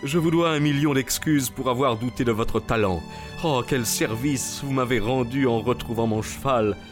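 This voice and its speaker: An actor playing a proud, agitated colonel who owns racehorses, excitable and stammering in French radio drama style. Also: male voice, mid-range voice, moderate pace, over music, lightly acted. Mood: flustered. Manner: excitable, stammering when flustered.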